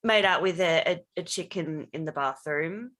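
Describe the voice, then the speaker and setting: Lively woman in her twenties. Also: lowish voice, moderate pace. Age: 20s. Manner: animated storyteller, laughs often. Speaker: podcast guest. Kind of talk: casual interview chat.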